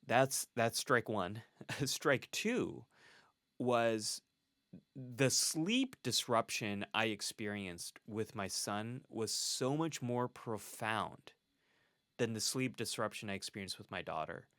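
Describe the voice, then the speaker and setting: A man's voice: on the low side, animated, takes it slowly, fairly bright tone, no room sound, clean studio sound. A man, a clinical psychologist, telling a personal story in a candid interview. He speaks earnestly and reflectively, and laughs often between thoughts. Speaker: clinical psychologist, podcast guest.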